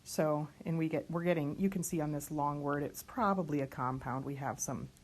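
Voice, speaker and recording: A woman teaching lyric diction, slowly spelling out letters and sounds one by one. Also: low voice, slight background noise. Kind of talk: online diction lesson.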